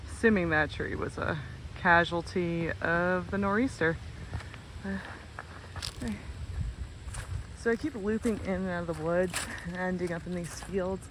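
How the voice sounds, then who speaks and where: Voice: medium pitch, noisy background. A hiking vlogger from New Jersey talks in a chatty, rambling way with many fillers, out of breath on the trail. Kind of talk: casual walk-and-talk vlog. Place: wooded park trails outdoors.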